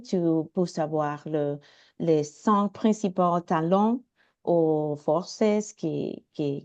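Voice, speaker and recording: A lowish-voiced woman with a foreign, Mexican Spanish accent speaks slowly and softly mellow. She gives an informal self-introduction, halting and apologetic as she hunts for words in her second language. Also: highs cut off. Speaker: networking meeting participant introducing herself. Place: indoors, video call.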